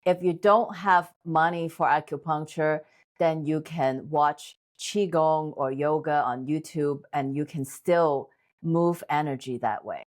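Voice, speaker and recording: Woman, acupuncturist guest, encouraging, low-ish voice. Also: measured pace. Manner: upbeat, encouraging advice. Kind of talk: interview talk.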